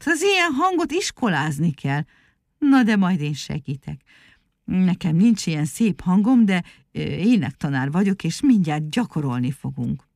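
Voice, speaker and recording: A woman reading a storybook aloud, voicing a sly, flattering trickster animal who poses as a singing teacher in a wheedling, theatrical tone. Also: lowish voice, creaky, no echo, studio quality. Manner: wheedling, fawning, theatrical praise.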